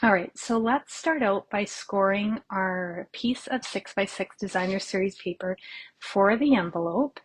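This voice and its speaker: A woman's voice: medium pitch, measured pace, a little hiss or hum, low-quality recording. Chatty woman hosting a live craft class. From Canada. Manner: chatty, rambling, greets viewers by name. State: slightly out of breath. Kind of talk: casual live craft tutorial. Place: home craft room.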